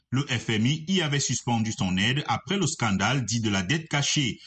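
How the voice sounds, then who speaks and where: Guy reading the radio news, husky, formal and even, normal pitch. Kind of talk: read radio news bulletin.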